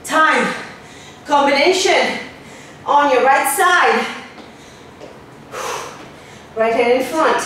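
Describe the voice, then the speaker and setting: A woman's voice: sits high, lively intonation, slow pace, a bit bright, a little hiss or hum. A woman fitness instructor coaching a workout with short encouraging cues, out of breath as she exercises along. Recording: roomy, from far off.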